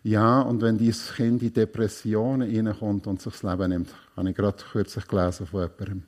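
A man preaching a sermon, emphatic and repeating key phrases, swinging between hushed and loud passages. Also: fairly low pitch, little pitch movement, brisk.

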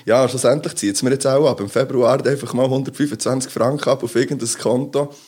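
Casual podcast co-host, Swiss German accent, male, rambling anecdotal delivery, mid pitch. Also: steady tone, a little fast, darkish tone, slightly rough. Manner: rambling storyteller, many fillers and restarts. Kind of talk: casual chat.

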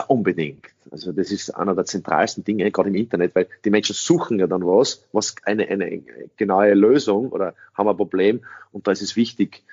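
His voice sits low, husky and darkish in tone. This middle-aged English speaker, a sales trainer being interviewed, responds emphatically with repeated phrases and rhetorical questions, heard through a dull lo-fi recording.

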